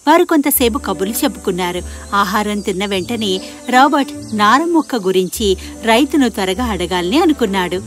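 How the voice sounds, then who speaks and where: A woman tells a scripted children's fairy tale with expressive, storyteller flair, her mid-range voice moving briskly. Soft music plays in the background.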